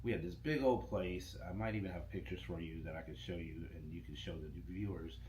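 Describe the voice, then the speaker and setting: A middle-aged podcast guest talks about running a radio station in a relaxed, rambling way, restarting often. His voice is low and brisk, and the casual interview chat takes place in an echoey room with faint ambient noise.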